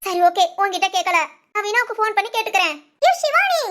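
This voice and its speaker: Woman doing a high-pitched cartoon girl, bossy and fierce, scolds her friend. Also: sing-song, fast talker, a bit bright, heavily acted. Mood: scolding. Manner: scolding, firm. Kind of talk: cartoon voice acting.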